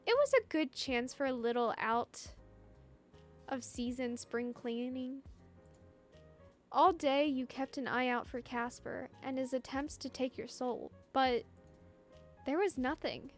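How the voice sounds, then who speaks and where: A woman streamer narrates a story game aloud with a high, expressive voice. She reads each line with feeling and breaks off for playful asides. Soft music plays underneath.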